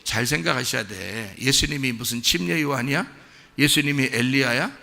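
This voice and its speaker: A man's voice: mid-range voice, moderate pace, creaky, pushed and bright, long reverb tail. A male pastor preaching a sermon in a conversational way, quizzing the congregation with repeated questions. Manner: acts out quoted voices to make a point. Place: church sanctuary.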